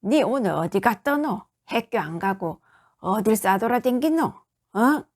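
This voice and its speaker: Give me a woman playing a loud drunken father with a Gyeongsang accent, scolding at full volume. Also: a little high, expressive, measured pace. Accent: Gyeongsang dialect. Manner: shouting, slurred scolding. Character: drunk one-armed middle-aged father, loud and blustering.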